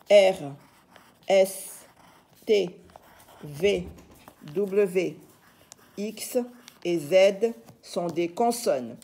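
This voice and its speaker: Slow, patient woman teaching letter sounds. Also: lowish voice, mellow. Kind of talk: reading and spelling lesson.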